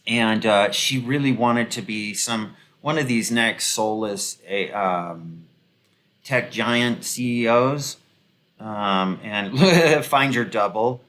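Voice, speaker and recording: A man's voice: lowish voice, pushed and bright. Rambling man giving sarcastic commentary. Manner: rambling, with many ums and restarts; sarcastic, mocking. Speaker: video commentator. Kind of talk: casual commentary.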